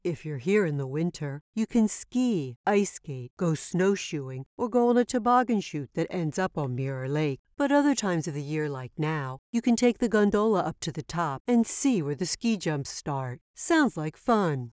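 A calm, knowledgeable female travel companion acted by a woman explains things for children with measured, careful diction. Her voice is low and a little cautious in temper, scripted for an educational show. The sound is dry and close. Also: no echo. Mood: patient, informative.

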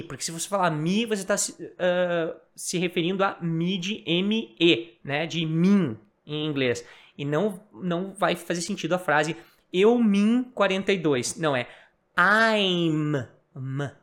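An English teacher in their forties with a Brazilian Portuguese accent, giving a spoken lesson and slowly repeating English phrases for drilling. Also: mid-range voice. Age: 40s.

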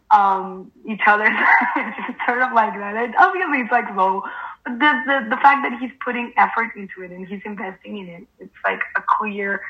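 A woman's voice: mid-range voice, dull audio. A young woman whose first language is Spanish, speaking as a guest in a casual conversation, hesitant and earnest, filling her sentences with "like". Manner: hesitant, fills with "like" constantly, earnest.

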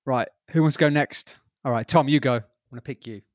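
A man's voice: mid-range voice, brisk, slight background noise. A man hosting a casual podcast chat, jokey and laughing often as he runs the segment. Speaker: podcast host.

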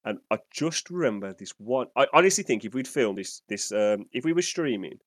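A man's voice: medium pitch, animated, fairly quick, no echo. A man co-hosting a gaming podcast, telling a story in a rambling, enthusiastic way. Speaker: podcast co-host. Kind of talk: casual storytelling chat.

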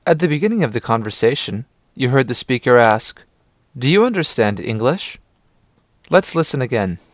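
Guy narrating a language lesson, calm and patient, dry close sound. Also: medium pitch, normal speed, no room sound. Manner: calm, patient, prompting the listener to repeat. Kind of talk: scripted instructional narration.

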